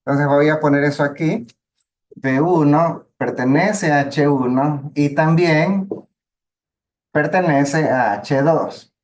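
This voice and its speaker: A man's voice: a little high, slow. A man gives a math lecture, working through each step patiently. He keeps checking in with his listeners as he goes, in a plain teaching voice. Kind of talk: lecture on linear algebra.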